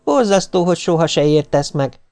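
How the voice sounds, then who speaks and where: A man playing a snappish, excitable mother. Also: a little high, gravelly, clean tone, pitched above the performer's own voice. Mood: indignant. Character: excitable mother, quick to snap.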